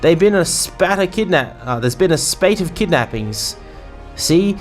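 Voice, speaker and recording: A man's voice: on the high side, expressive, unhurried, soft background music, voice pushed up. A man voicing a boisterous, bawdy male sailor innkeeper in a put-on English pirate accent, full of salty slang. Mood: jovial. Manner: salty slang, rambling banter.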